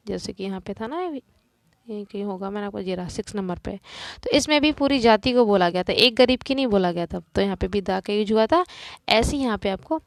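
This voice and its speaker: A woman's voice: medium pitch, no room sound. A woman teacher working through a grammar lesson, explaining each answer step by step and asking and answering her own questions.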